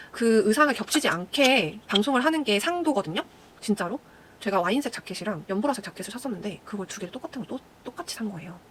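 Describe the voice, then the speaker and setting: A young woman chats to her viewers at a very quick clip, a former announcer telling stories from her career. She slips into little voices for the people she quotes. A faint noise sits under the recording. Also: medium pitch. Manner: chatty storytelling, acts out quoted people. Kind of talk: casual chat to viewers while doing makeup.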